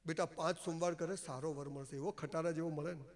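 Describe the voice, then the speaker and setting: A motivational speaker gives an emphatic, folksy speech to an audience, joking and mixing in English phrases. His voice is a little high and steady in tone, and he talks fast. The recording carries long hall reverb.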